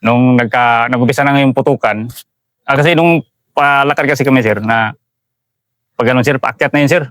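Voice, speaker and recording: A man's voice: medium pitch, normal speed, pauses often, a bit bright, no room sound, clean studio sound. A Filipino man, a soldier, recounting a combat ambush in an interview, respectfully adding "sir" to nearly every phrase. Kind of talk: interview storytelling.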